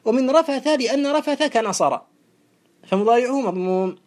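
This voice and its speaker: A woman's voice: a little high, lively intonation, darkish tone. Woman teacher, classical grammar lesson, methodical and repetitive delivery. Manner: methodical, repeating each verb form slowly. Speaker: teacher of Arabic morphology. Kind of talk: explaining a classical grammar text.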